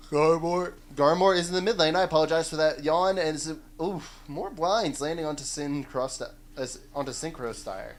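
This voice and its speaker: A man calls a live esports match play-by-play, his voice sitting a little high. He is excitable and pushes up into shouts when the big plays land. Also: normal speed, few pauses, slight background noise.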